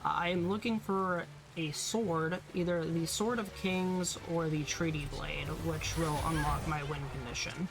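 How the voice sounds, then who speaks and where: A man's voice: a little high, fairly even intonation, unhurried, gravelly, hardly any pauses, poor audio. A man hosting a live gaming stream in casual chat. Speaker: streamer, host.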